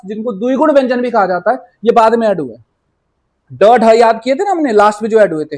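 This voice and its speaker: A man's voice: very high voice, a little mellow. A man teaching a grammar class for exam students, explaining step by step, asking the class rhetorical questions and sounding out letters one by one. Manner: repeats filler words and sounds out letters one by one. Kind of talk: recorded exam-prep lecture.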